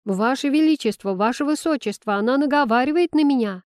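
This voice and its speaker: A woman's voice: sits high, a little fast, darkish tone, no echo, clean studio sound, voice pushed up, natural voice. A woman voicing a flustered young male steward who indignantly protests his innocence.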